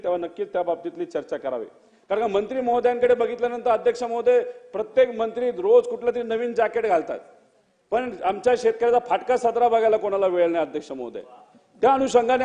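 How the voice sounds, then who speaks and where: A man's voice: high-pitched, dark tone. A male legislator giving an earnest floor speech, pleading with the chair again and again. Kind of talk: assembly speech. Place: state legislative assembly chamber. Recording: long reverb of a large assembly hall.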